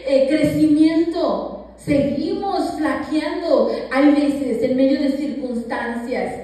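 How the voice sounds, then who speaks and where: A woman's voice: on the high side, warm tone. A woman preaching a sermon in a church, with strong emphasis, sometimes acting out quoted dialogue. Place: church sanctuary. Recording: echoey church hall, voice from a distance.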